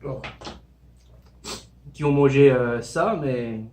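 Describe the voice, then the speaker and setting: A man's voice: mid-range voice, takes it slowly, a little mellow, a little hiss or hum. A man giving a casual mukbang-style food review, talking between bites as he eats spicy noodles.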